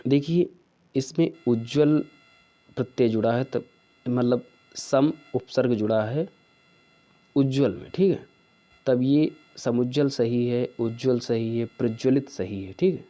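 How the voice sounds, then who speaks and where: A man teaching a spelling lesson for exam preparation, going slowly through each answer and checking in with "theek hai". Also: mid-range voice, mellow. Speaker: Hindi teacher.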